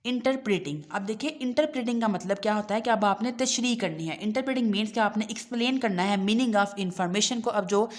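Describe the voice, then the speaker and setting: Woman teacher explaining to students. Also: medium pitch. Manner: reads textbook lines slowly, then explains them conversationally; addresses the class directly as students. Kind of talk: exam-prep lecture.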